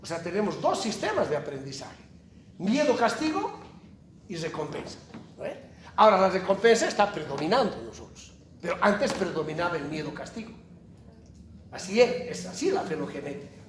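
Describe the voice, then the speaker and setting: Brief: male professor, bright high voice swinging up and down, miked from far back in a booming classroom. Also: moderate pace. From Bolivia. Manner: animated, jokey, asks the class questions. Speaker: university lecturer. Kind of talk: classroom lecture. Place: large echoey classroom. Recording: echoey classroom from far off, noisy.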